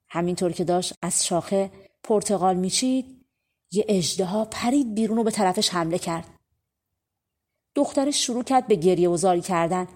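A woman reading an audiobook of folk tales, narrating in a relaxed, conversational storytelling way. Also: mid-range voice. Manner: conversational, spoken-style telling. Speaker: audiobook reader.

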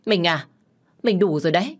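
A worn-down mother speaks softly and pleads, with a firm scolding edge, voiced by a woman storyteller. The voice sits a little below the usual pitch. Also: moderate pace, natural voice. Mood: angry. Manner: pleading, then sharply scolding. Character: long-suffering mother, patient then defiant.

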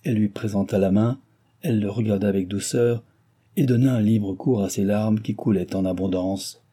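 A man reads a classic novel aloud in a measured, even manner. His voice sits fairly low and sounds very dark and mellow. There is a husky grain throughout. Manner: measured, even literary narration. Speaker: audiobook narrator.

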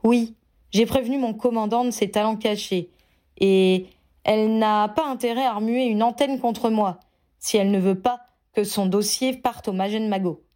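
A woman reading a storybook, voicing a calm, measured young man. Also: a little high, lightly acted.

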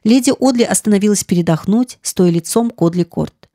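A woman narrating an audiobook in a measured, dramatic storytelling manner. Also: medium pitch, dark tone, no echo, studio quality. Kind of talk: scripted narration.

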